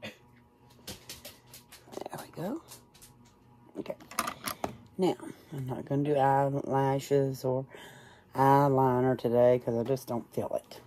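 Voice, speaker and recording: A woman chatting casually through her makeup, soft-spoken and plain-spoken, often dropping into a whisper. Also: a bass voice, steady tone, slow, pauses often. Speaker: makeup vlogger. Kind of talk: casual makeup tutorial chat.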